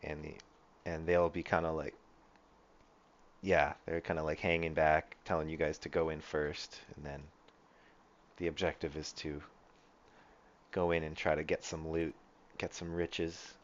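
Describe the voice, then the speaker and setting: A man's voice: rumbling low, flat delivery, unhurried, highs cut off. A man narrating as game master of a tabletop role-playing game, loose and full of fillers.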